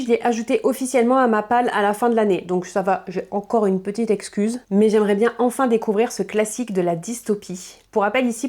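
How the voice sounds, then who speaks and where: A woman chats casually about the books on her shelf, candid and a little self-mocking, often pausing on hesitant fillers. Her voice is mellow and soft-edged, sitting at an everyday middle pitch. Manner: chatty and candid, with frequent fillers and self-deprecating asides. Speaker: book vlogger presenting her to-read pile. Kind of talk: casual chatty book talk to camera.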